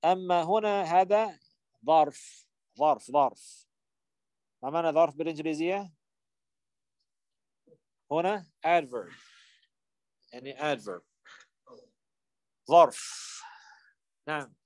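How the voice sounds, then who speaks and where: A man's voice: a little high, slow pace, long pauses, darkish tone, no room sound. Man teaching grammar, repeating key terms. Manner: repeats key terms, quizzes students, switches to English to explain. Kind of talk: classroom grammar lesson.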